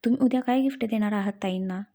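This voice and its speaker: A woman's voice: mid-range voice, rapid-fire, warm tone, lightly acted. A woman voicing a loving, playful young wife in a storybook reading, sweet and mock-stern. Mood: affectionate.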